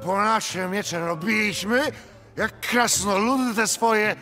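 An actor playing a proud, stubborn island clansman in a video game, with blunt, halting, colloquial speech. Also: high-pitched, pushed and bright, exaggerated voice. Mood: proud, suspicious. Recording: game music under the voice.

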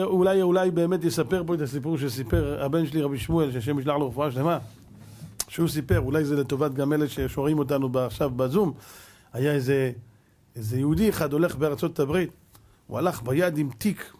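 Man, rabbi, high voice, impassioned sermon, loud then hushed. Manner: impassioned, swings between loud exhortation and hushed asides.

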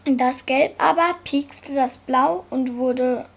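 A woman reading a children's story aloud as narrator, in a slow, careful way. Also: high voice, fairly even intonation, vocal fry, slightly rough. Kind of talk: scripted narration.

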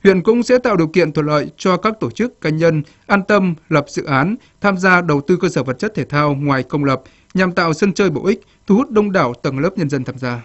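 A man reads a scripted local news report in a steady, formal cadence, his voice sitting a little higher than most. The broadcast audio sounds dull and lo-fi. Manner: steady formal read with measured list cadence.

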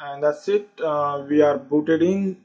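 A man's voice: fairly high pitch, a little slow, a little mellow. A man walking through a phone tutorial in a casual, explanatory way, with frequent fillers. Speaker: tech channel host. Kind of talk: tutorial walkthrough. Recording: dull lo-fi sound.

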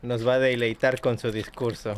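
Halting young Mexican man, casual streamer. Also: medium pitch, flat delivery, slight background noise. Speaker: livestreamer. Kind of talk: casual chat. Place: small indoor room at a desk. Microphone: studio microphone close to the mouth.

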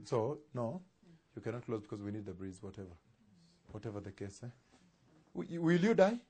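A man preaching a sermon to a live congregation, with laughing asides and loud emphatic peaks. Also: fairly low pitch, big pitch swings, normal speed, husky.

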